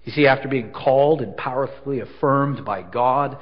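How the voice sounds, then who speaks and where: A man's voice: mid-range voice, moderate pace. Man, pastor, sermon, big hall echo, slightly muffled sound. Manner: earnest preaching with strong stresses and drops.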